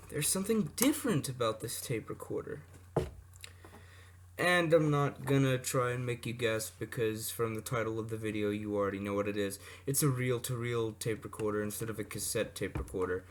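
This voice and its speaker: In a noisy, click-ridden amateur recording, a man with a mid-range voice and moderate pace casually demonstrates vintage electronics. He's a hobbyist video presenter who rambles unscripted, adding asides and fixing his own slips.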